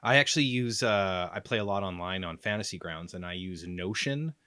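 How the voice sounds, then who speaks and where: A man's voice: sits low, lively intonation, fairly quick, bright, forceful tone, no room sound, clean studio sound. A man hosting a chat who chimes in eagerly. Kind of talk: casual chat.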